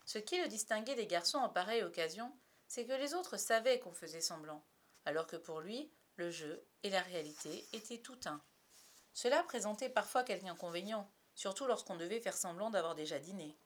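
A woman narrating a storybook aloud, with soft, confiding asides to the listener. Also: medium pitch, lively intonation, fairly quick. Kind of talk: storybook reading.

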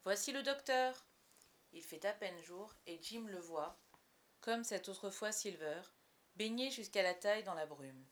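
A woman's voice: lowish voice, a little slow. Woman reading an adventure novel aloud. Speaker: narrator.

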